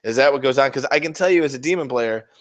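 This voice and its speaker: A man's voice: mid-range voice, fast, dull audio. A man livestreaming while he paints miniatures, rambling in casual, profane, teasing banter aimed at his viewers. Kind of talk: casual chat.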